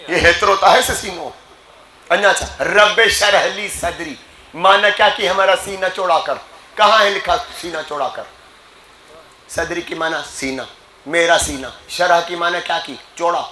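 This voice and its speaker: A man delivers a Muharram sermon in a high, bright voice. He moves from measured explanation to fervent, shouted passages. The hall around him rings with echo. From Sindh, Pakistan. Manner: rising to impassioned shouting, switches between Urdu and Sindhi. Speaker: Muharram majlis preacher. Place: majlis gathering hall. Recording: echoey gathering hall.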